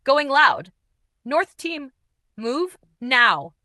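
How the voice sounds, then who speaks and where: A woman reading an audiobook, voicing a big male Russian bodyguard giving calm, terse reports. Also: a little high, unhurried, dry recording, clean studio sound. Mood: steady.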